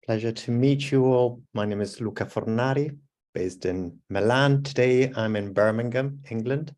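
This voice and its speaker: A man from Italy introducing himself politely and briskly on a webinar video call. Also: medium pitch, darkish tone. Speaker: committee member introducing himself.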